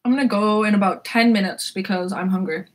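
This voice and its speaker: A woman in her twenties with a sore throat chats casually about books as a vlogger, rambling, laughing and swearing freely. Her mid-range voice moves fairly quickly.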